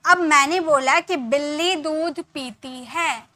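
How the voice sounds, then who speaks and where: Female English teacher, high-pitched and bright, patient explainer who drills slow example sentences. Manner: explains slowly, repeats examples, asks viewers questions. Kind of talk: Hindi-English spoken grammar lesson.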